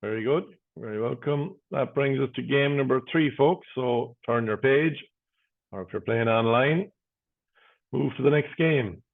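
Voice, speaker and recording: An Irish man hosting and calling bingo in a measured singsong patter, with paired digits and number nicknames. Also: mid-range voice, vocal fry. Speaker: bingo caller and host. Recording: phone-like, narrow-band sound.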